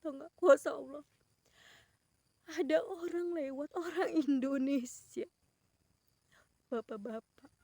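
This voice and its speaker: A high-pitched woman with a warm, mellow tone tells a personal story with deep feeling. She exclaims often and breaks off to restart her sentences. Her voice is recorded dry and close. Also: takes it slowly, long pauses, dry recording. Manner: earnest, emotional retelling with exclamations and trailing restarts. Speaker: vlogger.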